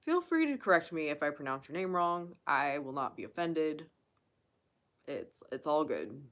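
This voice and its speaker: A woman's voice: low-pitched, very animated, moderate pace, a bit bright. A woman hosting a casual live question-and-answer chat, speaking bluntly and emphatically with frequent swearing. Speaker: channel host.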